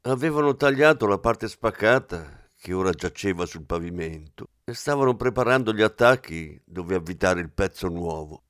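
A man narrating a crime audiobook in a steady, measured reading. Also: low-pitched, no room sound, clean studio sound.

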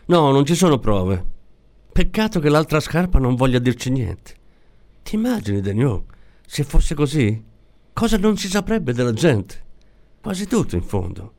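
A man voicing a calm, pensive male police commissioner who speaks in a slow, musing way. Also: mid-range voice, voice pushed up.

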